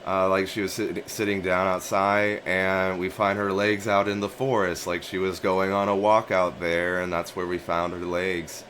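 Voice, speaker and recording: A man casually recounting a dream in a musing, halting way, often repeating and rephrasing his phrases. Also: deep voice, flat delivery, a bit bright, slight background noise. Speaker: narrator of a personal dream journal.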